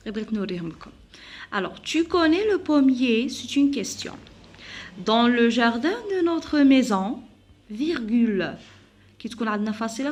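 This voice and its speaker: A woman teacher with an Algerian accent reads a French text aloud to young pupils, sounding out words slowly and explaining them, moving between French and Algerian Arabic. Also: medium pitch. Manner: slow, syllable-by-syllable reading aloud with explanations. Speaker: primary school teacher. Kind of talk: reading lesson for young pupils.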